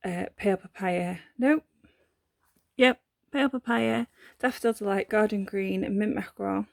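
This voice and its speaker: Uk woman rambling through a craft haul, gravelly voice, lots of ums, dry close sound. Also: mid-range voice, measured pace, dry recording. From United Kingdom. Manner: chatty and gushing, with many ums and self-corrections. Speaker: papercraft vlogger. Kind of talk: casual unboxing chat.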